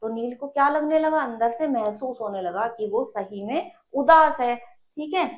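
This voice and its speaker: A woman's voice: fairly high pitch, measured pace. A woman teacher reading a children's story aloud, then retelling each line simply for her pupils. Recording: dull lo-fi recording.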